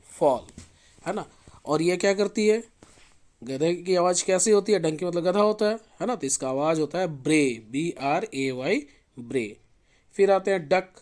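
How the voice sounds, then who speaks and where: Hindi-speaking man teaching English words. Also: a little high. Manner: spells words letter by letter, asks and answers own questions; slows down when spelling. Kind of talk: English lesson explained in Hindi.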